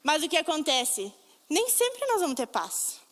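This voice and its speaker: A woman's voice: high voice, sing-song, unhurried, fairly bright tone. A Brazilian woman preaching a sermon, telling stories emphatically and acting out the voices she quotes. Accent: Brazilian Portuguese. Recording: long reverb of a hall.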